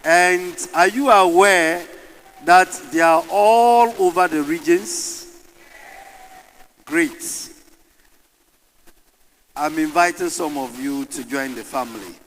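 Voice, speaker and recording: A man's voice: on the high side, slow, pauses often, fairly bright tone. A man with a Ghanaian accent moderating a conference panel, rousing the audience and calling for responses. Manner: rousing, calls for crowd responses. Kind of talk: conference address. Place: large conference hall. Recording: echoey hall with faint room noise.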